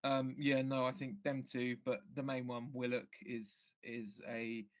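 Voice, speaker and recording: A man's voice: mid-range voice, flat delivery, measured pace. A man guesting on a football podcast as a fan, speaking in casual chat with frequent restarts. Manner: hesitant, many restarts and fillers.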